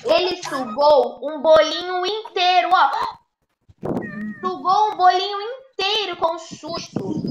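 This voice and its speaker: A preschool teacher, a woman, reads a picture book to her class in a high, unhurried voice, coaxing the children to join in. The sound is echoey, with clear noise underneath it.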